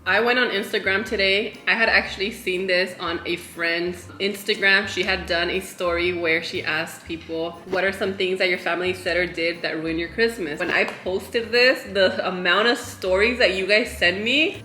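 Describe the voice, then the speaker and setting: A woman's voice: fairly low pitch, normal speed, few pauses, sharp tone, echoey room, a little hiss or hum. A woman co-hosting a casual eating vlog, chatting easily and slipping Spanish words into her English. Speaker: vlog co-host. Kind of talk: casual mukbang chat.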